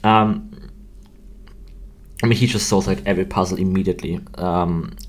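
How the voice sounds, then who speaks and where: A twenty-ish young man with an Austrian German accent, a game developer, streams live from an indoor computer desk, talking in a hesitant, rambling way and interrupting himself. He speaks low, at normal speed, with fairly even intonation.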